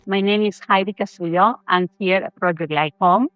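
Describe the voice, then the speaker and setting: A woman interviewer asking friendly, somewhat halting questions. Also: mid-range voice, dull audio, background noise.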